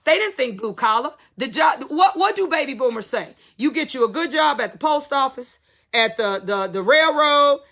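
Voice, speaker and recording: A woman's voice: high-pitched, expressive, moderate pace, fairly bright tone. A woman in her fifties, a salon business educator, talking candidly and emphatically to her viewers in casual slang. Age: 50s.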